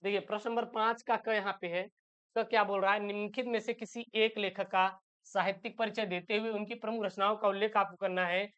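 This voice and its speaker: Smooth-voiced teacher. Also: male voice, sits high, little pitch movement, fairly bright tone, highs cut off. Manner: asks questions and answers them himself; reads set texts aloud slowly. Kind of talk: exam-prep video lesson.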